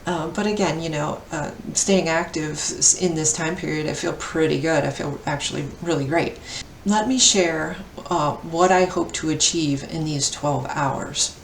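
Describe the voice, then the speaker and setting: A fifty-year-old woman, a vlogger and amateur ultra runner, talks casually about her own running. Her gravelly voice sits low and moves at a measured pace, captured by a distant mic on an echoey recording with faint noise.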